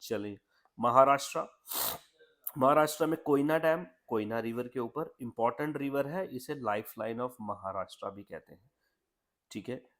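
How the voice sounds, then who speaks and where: A man's voice: medium pitch, unhurried, fairly bright tone. A man teaching an exam lesson in a chatty, repetitive way, mixing English words into Hindi. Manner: chatty, repeats "ठीक है" often.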